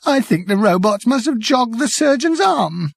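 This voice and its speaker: A man performs a raving, half-mad journalist from a spoken story, pitched well above his own voice. He whimpers and whispers hoarsely. His tearful speech jumps all over the place, and the reading sounds dry and close. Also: sing-song, unhurried, no echo, exaggerated voice. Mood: rambling, tearful. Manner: whimpering, jittery, breaks into weeping. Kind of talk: audiobook character voice.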